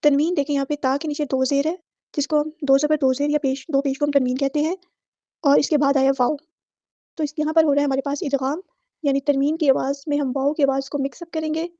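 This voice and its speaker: A woman teaching Quran recitation rules. She explains each rule briskly in a methodical way, then recites the words slowly and draws out the vowels. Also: high voice, level tone, mellow, no echo. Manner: methodical, repeating set phrases for every letter. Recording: dull lo-fi dry audio.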